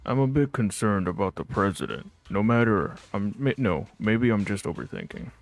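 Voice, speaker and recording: Gravelly low-voiced man playing a game. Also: very animated, moderate pace. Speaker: gamer, video host. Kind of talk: casual let's play, reading dialogue aloud. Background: faint game music.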